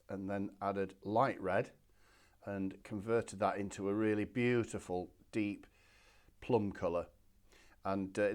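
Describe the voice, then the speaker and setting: A man, giving a relaxed, chatty step-by-step painting demonstration from his studio. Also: lowish voice. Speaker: watercolour art instructor. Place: home art studio.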